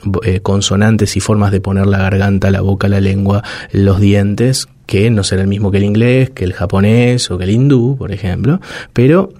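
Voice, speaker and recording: A man's voice: lowish voice, steady tone, moderate pace, warm tone, no echo. A man, a psychologist guest giving reflective answers in an interview, thoughtful and hesitant, restarting often and sounding out baby babble. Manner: demonstrates baby babble aloud.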